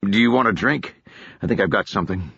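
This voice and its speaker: A man's voice: fairly low pitch, a little fast, gravelly, a bit bright, slightly rough, no echo, dull audio, heavily acted. A man voicing an earnest, plain-spoken male army officer in an audiobook.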